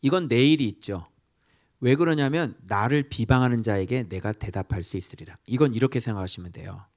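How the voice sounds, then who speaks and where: A man's voice: medium pitch, brisk. A male pastor preaching a sermon, quizzing his listeners and dropping now and then into whispered asides. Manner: animated, asking the congregation questions, dropping to whispered asides.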